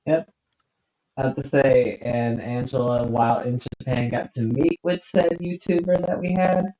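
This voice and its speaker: A male co-host with a medium-pitched voice, heard through a somewhat muffled, lo-fi microphone. He chips in casually and conversationally. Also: fairly even intonation, a little slow. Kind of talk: casual chat.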